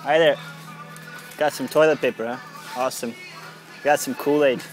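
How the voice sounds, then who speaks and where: An excitable young man from Estonia rambles to his handheld camera while shopping in a big grocery store. His talk comes in loose, chatty bursts, with music running behind it and store noise around him. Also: mid-range voice, moderate pace, rough recording. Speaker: vlogger. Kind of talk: casual vlog narration. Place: large indoor grocery store.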